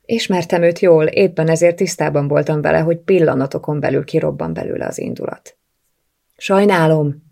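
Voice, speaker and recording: A woman narrating a first-person novel as an audiobook, in a measured, subdued manner. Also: low-pitched, steady tone, vocal fry, warm tone.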